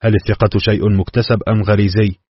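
A man reads a calm therapist in an audiobook who presses with measured questions. His voice is low and husky, in a dry, dull recording. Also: no room sound. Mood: probing.

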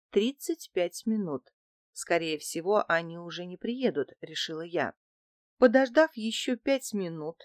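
A woman's voice: fairly low pitch, no echo, clean studio sound. A woman narrating a first-person audiobook in a cool, wry, matter-of-fact manner.

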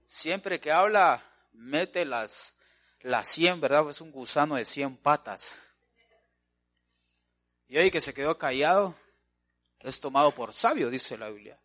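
A pastor preaching a sermon, asking his congregation questions and swinging between loud and soft. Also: a little high.

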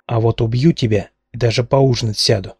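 A man voicing a proud, fiery young princess in a storybook reading, with sharp, commanding outbursts and a husky voice. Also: medium pitch, steady tone, fairly quick, dry recording. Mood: furious.

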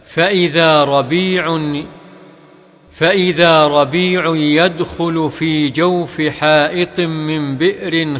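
A hadith reader with a slightly bright voice, somewhat higher than the typical man's, recites in a slow, measured, careful way. Now and then his phrases rise into melodic chanting, with a long hall reverb trailing every line.

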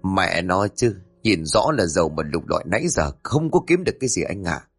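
A man's voice: low-pitched, lively intonation, fairly quick, husky, faint music behind, voice pushed down, heavily acted. A man doing a jittery, fretful young thief. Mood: uneasy. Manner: uneasy, fretful. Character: jittery young male thief, easily scared.

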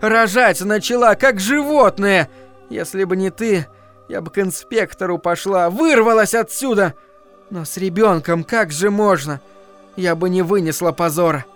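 A man voicing a distraught grown woman who breaks into shrill, sobbing outbursts. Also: a little slow, soft background music, natural voice. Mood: shrill, angry.

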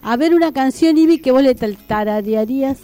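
A woman hosts a radio segment with children gathered at the studio microphone. Her voice sits high and mellow, and she coaxes the kids with playful encouragement. Faint music plays behind her. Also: moderate pace. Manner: playful, coaxing children to join in. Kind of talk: casual radio chat with children.

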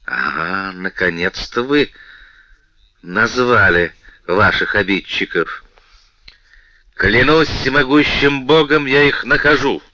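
A man reading the part of a passionate, imperious young king who bursts into loud, vengeful speeches. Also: on the low side, moderate pace, dry recording, lo-fi sound. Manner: impassioned, loud outbursts. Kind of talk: audiobook character reading.

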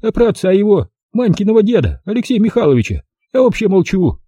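A man voicing a feisty, sharp-tongued old village woman in an audiobook, scolding in a brusque rustic way. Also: high voice, big pitch swings, quick pace, husky, no echo, pitched above the performer's own voice, heavily acted. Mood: chiding. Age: older.

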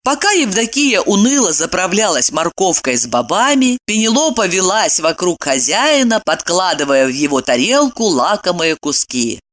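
Expressive comic audiobook reader, swinging pitch, playful ironic storytelling. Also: moderate pace, hardly any pauses.

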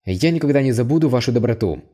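A level-headed young hero who speaks in a measured, courteous way, read by a male narrator close to his own voice. The tone is mellow and dark with lively pitch movement. Told as an audiobook. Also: close to an everyday voice. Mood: relieved. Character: calm, polite young male mercenary hero. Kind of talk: audiobook character voice.

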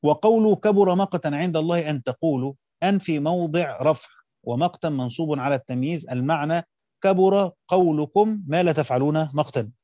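An Egyptian man gives a quick-paced lesson, reading passages aloud and then explaining them in everyday speech. His voice is mellow and dark, recorded close and dry with no room sound. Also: on the high side, no echo. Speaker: teacher. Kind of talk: reading and explaining a classical text.

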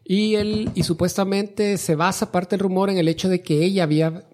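A man passes along comics rumors and news in a matter-of-fact way. His voice sits a bit higher than most men's. The tone stays casual throughout. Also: steady tone, normal speed, a little mellow. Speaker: podcast co-host, news reader.

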